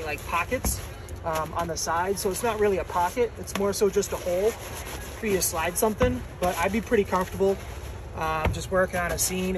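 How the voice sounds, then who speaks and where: A man in his thirties, a volunteer ski patroller, gives a casual gear review, first on a snowy outdoor deck and later in an indoor garage. He has a high voice and sounds relaxed, with many ums as he shows items. The background is noisy.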